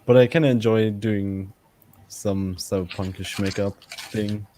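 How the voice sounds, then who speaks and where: A man chatting casually on a stream, explaining things carefully in halting, unhurried phrases. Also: lowish voice, steady tone, dark tone. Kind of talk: casual chat. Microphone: microphone through an audio interface.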